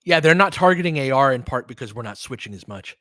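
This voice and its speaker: Calling the game on his own basketball livestream, a man mixes clipped play-by-play with casual, opinionated chat for viewers. His medium-pitched voice is expressive, quick, pushed, and bright, captured in a dry, studio-quality recording.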